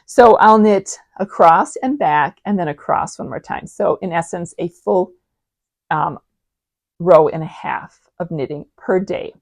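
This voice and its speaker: Chatty woman with a lowish voice. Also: unhurried, vocal fry, a little mellow, no echo. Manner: chatty, rambling, with many ums and restarts. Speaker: knitting podcast host. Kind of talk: casual show-and-tell chat.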